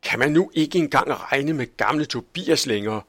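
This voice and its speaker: Grumbling, offended townsfolk from a storybook, as a male reader puts them on. Their complaints come out low and gravelly, in a dry, close sound. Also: animated, a bit bright, dry recording.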